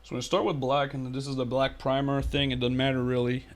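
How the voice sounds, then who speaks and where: A man's voice: mid-range voice, flat delivery, fast talker. A man hosting a live miniature painting tutorial, chatting casually and rambling with lots of fillers, joking and talking to his chat. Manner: jokey, talks to chat.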